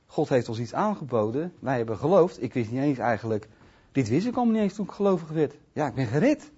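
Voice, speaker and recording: Lively, husky man teaching the bible. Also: fast talker. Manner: conversational, checks in with listeners with frequent "ja?"; swings between soft asides and loud emphatic high stresses. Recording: dull lo-fi recording.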